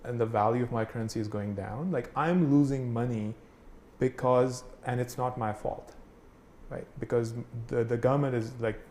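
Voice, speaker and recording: A man's voice: mid-range voice, normal speed, a little mellow. A man from Pakistan explaining things in a casual conversational way, full of fillers and "right?" checks. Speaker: instructor. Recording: echoey room, faint noise.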